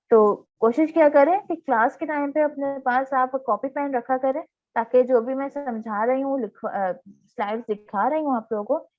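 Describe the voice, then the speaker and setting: A woman teaching an online grammar class, explaining patiently and reading examples slowly. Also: a little high, no echo. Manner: patient explaining, reading English examples slowly, frequent "theek hai" check-ins. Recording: tinny phone-like online class audio.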